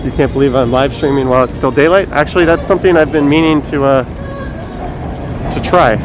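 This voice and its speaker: A man's voice: mid-range voice, fairly even intonation, fairly quick. Masked man live-streaming on a noisy street. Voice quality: speaking through a face mask. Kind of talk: casual live-stream chat. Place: outdoors in a windy downtown city square. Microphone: phone on a gimbal. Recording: noisy windy city street, traffic.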